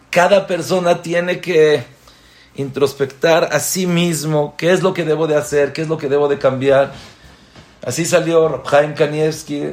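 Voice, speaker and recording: A man's voice: medium pitch, a little mellow. A man giving a sermon, telling stories with emphatic repetition. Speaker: religious speaker.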